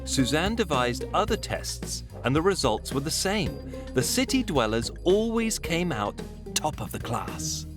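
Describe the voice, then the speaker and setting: A man's voice: on the high side, big pitch swings, a little slow, over music. A man delivering scripted nature documentary narration as the programme's narrator.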